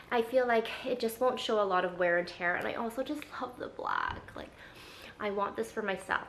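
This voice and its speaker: A woman vlogger talks through an unboxing in a casual, enthusiastic way, stopping often on ums. Her voice is bright and forward, at a middle pitch. Faint background noise sits under the recording. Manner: chatty, enthusiastic, frequent ums.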